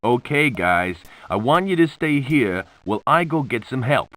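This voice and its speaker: A man's voice: medium pitch, sing-song, moderate pace, a bit bright. A man playing a laid-back, wisecracking adventurer pilot in a video game. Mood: wry.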